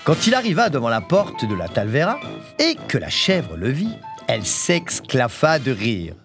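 A storyteller reading a children's tale aloud in an animated, expressive way. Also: mid-range voice, normal speed, over music. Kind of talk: storybook narration.

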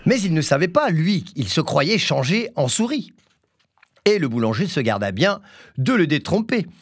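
A storyteller reading a children's tale aloud in an animated, expressive way. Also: mid-range voice, moderate pace, breathy edge. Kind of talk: storybook narration.

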